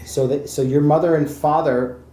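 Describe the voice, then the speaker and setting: A man's voice: a little high, steady tone, normal speed, mellow. A man conducting an oral history interview at someone's home, patiently repeating answers back to check them. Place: private home. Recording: echoey room with faint background noise.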